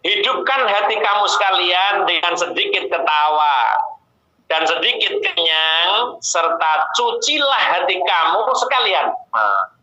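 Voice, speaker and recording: A man's voice: high-pitched, animated, a little slow, bright, forceful tone. A man with a Javanese accent preaching a sermon, reciting Arabic and then explaining it, and often speaking straight to his listeners. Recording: echoey, dull lo-fi recording.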